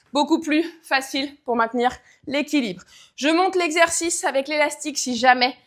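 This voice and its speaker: A woman's voice: sits high, a bit bright. A woman leading a guided leg workout, counting reps and cueing form as she exercises. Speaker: fitness coach.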